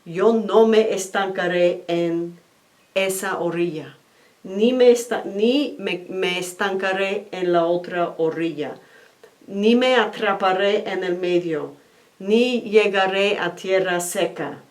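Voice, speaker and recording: A woman voicing an earnest young male cowherd who speaks haltingly in a storytelling. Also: mid-range voice, natural voice.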